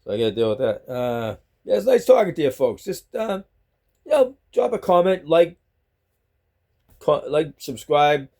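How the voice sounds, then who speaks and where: Big pitch swings mark this middle-aged Boston-accented vlogger's slightly high, darkish voice, which moves at a moderate pace. Chatty and prone to repeating himself, he rambles to the camera of a phone on a selfie stick at home.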